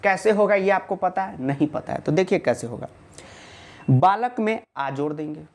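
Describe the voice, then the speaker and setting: A man's voice: sits high, lively intonation, moderate pace. Chatty male teacher. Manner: asks questions and answers them himself; chatty and joking, reassuring students. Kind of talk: casual online video lesson.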